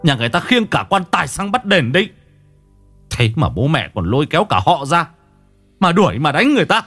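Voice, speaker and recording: A man voicing a bitter, angry young father who talks back fast and heated, with faint music behind. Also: medium pitch, lively intonation, fairly bright tone, pitched above the performer's own voice. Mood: bitter anger.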